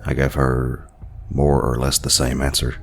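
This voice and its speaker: A man telling a horror story in a slow, brooding narration. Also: a bass voice, monotone, vocal fry, slight background noise.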